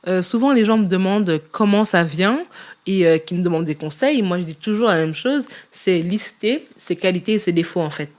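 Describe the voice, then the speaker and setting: A woman's voice: fairly low pitch, lively intonation, a little mellow. Candid young woman, laughing, music behind. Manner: candid, quick, laughs often. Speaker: interviewee. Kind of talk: casual interview.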